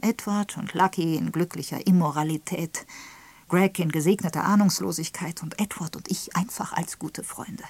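A woman playing a bitter middle-aged wife in a storybook reading. She lays sharp, cutting stress on her words, and her voice is low and breathy. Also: steady tone, moderate pace, no echo. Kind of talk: audiobook character reading.

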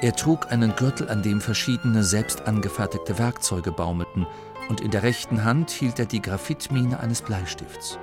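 A man reading an audiobook as narrator in a lively storytelling manner on a close studio mic. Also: on the low side, moderate pace, over music. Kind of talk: scripted narration.

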